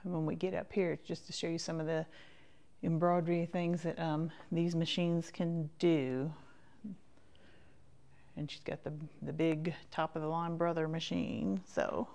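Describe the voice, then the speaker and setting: Walking through a quilt shop indoors, a woman gives a casual, rambling tour in short folksy remarks that trail off. Her deep voice is unhurried and a little mellow, with fairly even intonation and vocal fry.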